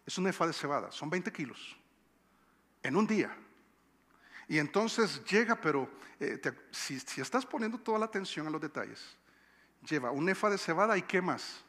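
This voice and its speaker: A man's voice: fairly high pitch, lively intonation, normal speed, a bit bright. A male pastor with a Colombian Bogotá accent, preaching a conversational sermon and repeating phrases for emphasis. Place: church sanctuary. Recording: long church-hall reverb.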